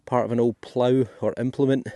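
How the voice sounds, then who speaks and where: A man's voice: medium pitch, fairly even intonation, moderate pace, dark tone, no echo. A Scottish man giving chatty, thinking-aloud commentary as he digs finds in a field for his metal detecting vlog. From Scotland. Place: outdoors in a field.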